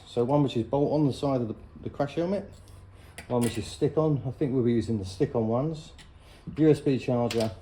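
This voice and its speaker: A middle-aged vlogger talks through motorcycle gear in a relaxed, chatty unboxing and review, keeping his language plain. He has a mid-range, dark-toned voice.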